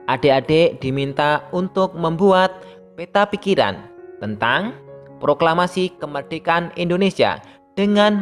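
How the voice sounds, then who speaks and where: A teacher reading a scripted lesson for primary school pupils, speaking to them directly in a steady reading voice. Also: medium pitch. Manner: reads steadily, addressing pupils as younger siblings.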